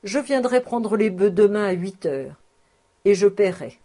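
A brusque, cautious cattle trader, voiced by a woman reading a story aloud, grudging and blunt in his words. The voice stays mellow and a little husky. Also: fairly low pitch, expressive, a little slow.

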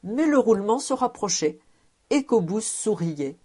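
A woman reading a classic novel aloud as narrator, measured and expressive. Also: medium pitch, breathy edge. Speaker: audiobook reader.

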